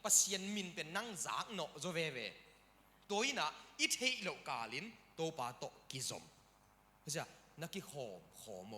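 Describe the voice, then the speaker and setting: A man preaching with a high, very lively voice that rises and falls constantly. His tone is sharp and bright, and a long hall reverb with faint room noise trails each phrase. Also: normal speed. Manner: animated preaching with frequent hallelujahs. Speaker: pastor. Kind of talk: sermon.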